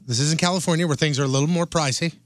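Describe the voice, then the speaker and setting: Male co-host, high voice, lively intonation, dry close studio sound, casual banter and read-outs. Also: very fast, dry recording. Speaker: radio show co-host. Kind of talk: casual radio banter and reading listings aloud.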